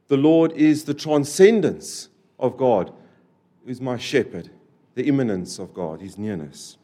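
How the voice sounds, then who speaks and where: A man preaching a sermon to a church, repeating key phrases and swinging between loud, stressed lines and quiet, dropped endings. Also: medium pitch, expressive, measured pace. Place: church service.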